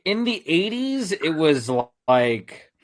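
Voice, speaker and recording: A man's voice: fairly high pitch, takes it slowly. A man co-hosting a podcast, chatting casually in a rambling way full of fillers. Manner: animated, rambling with many fillers. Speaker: podcast co-host. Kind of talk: casual chat.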